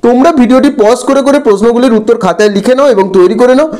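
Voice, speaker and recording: A man, a teacher slowly going through textbook answers and spelling out words syllable by syllable. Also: very high-pitched, mellow.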